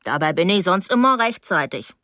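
A woman voicing a sly, gossiping old night nurse in a storybook reading, drawling slowly. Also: on the low side, big pitch swings, pushed and bright, no echo, studio quality. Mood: gossipy.

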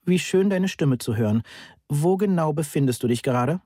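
Guy putting on a tense mom voice, icily polite and clipped, kinda husky. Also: fairly high pitch, lively intonation, moderate pace, warm tone, no room sound, studio quality, voice pushed up. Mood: coldly controlled. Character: tightly controlled worried middle-aged mother.

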